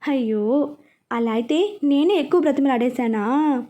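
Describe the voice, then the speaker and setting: A woman's voice: high-pitched, measured pace, mellow. A woman reading a story, voicing a young man who coaxes and apologizes to his fiancée. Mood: tender. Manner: coaxing, apologetic.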